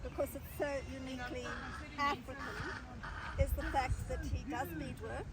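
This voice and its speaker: A woman's voice: high-pitched, fairly even intonation, moderate pace. A woman interviewing an artist outdoors at a zoo, speaking in a reflective, musing way. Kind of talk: casual interview. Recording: distant mic, loud outdoor noise.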